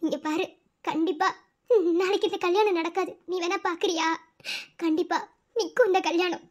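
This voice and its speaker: A woman's voice: extremely high pitch, normal speed. A woman voicing Nila, a heartbroken young village woman in a cartoon, speaking with a Madurai Tamil accent in a pleading, tearful way. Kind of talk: cartoon voice acting.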